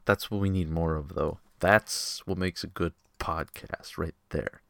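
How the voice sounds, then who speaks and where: A young man hosting a casual podcast, excitable and joking, swearing freely as he argues with a friend. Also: low-pitched, measured pace, vocal fry, dry recording, clean studio sound. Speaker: podcast host. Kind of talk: casual argumentative chat.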